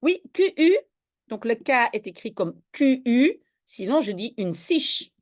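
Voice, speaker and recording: A woman's voice: fairly high pitch, big pitch swings, unhurried, darkish tone. A woman tutoring a student in French spelling, patiently explaining each word step by step. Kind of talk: one-on-one spelling lesson.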